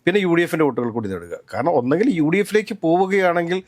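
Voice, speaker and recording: A man talking politics at a quick clip, his voice sitting a little high. He argues his case and keeps throwing out pointed rhetorical questions. The recording is dry and close, with no room sound. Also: very animated, dry recording. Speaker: co-host of political discussion. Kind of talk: casual political talk.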